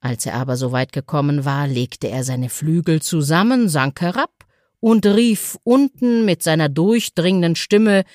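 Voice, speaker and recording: A woman reading a fairy tale aloud as a storyteller, in an expressive, sing-song way. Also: deep voice, a little slow, no echo, clean studio sound.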